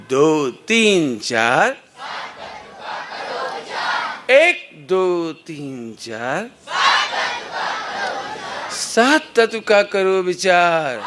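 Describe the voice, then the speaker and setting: A man's voice: a little high, sharp tone, a little hiss or hum. A man teaching at a children's camp, playfully coaxing the kids and counting out cues for call-and-response chants.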